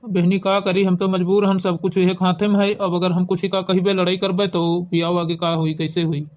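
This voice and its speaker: A man's voice: high-pitched, little pitch movement, fairly quick, close to an everyday voice. A helpless, henpecked village brother played by a man in a comedy skit. He speaks with an Awadhi accent, sounding loving yet aggrieved, in a resigned, complaining manner.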